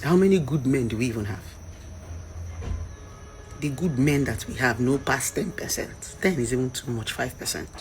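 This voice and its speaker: A woman's voice: very deep voice, normal speed, pauses often, darkish tone, slight background noise. Nigerian woman, 30s, vlogger; fiery, preachy opinion rant. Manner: impassioned, preachy, mixes in Pidgin.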